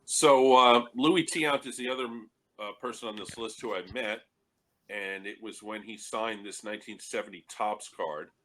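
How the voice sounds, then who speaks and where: Panel guest, man, low-pitched and bright, chuckling storyteller. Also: steady tone, moderate pace. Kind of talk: casual panel discussion.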